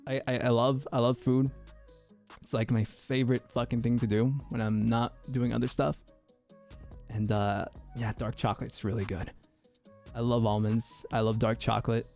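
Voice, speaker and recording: A man's voice: mid-range voice, a little mellow. A young man streaming his VTuber debut, goofy and joking, often tripping over his words in restarts. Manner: goofy, joking, quick to laugh; stammering restarts. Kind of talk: casual livestream chat.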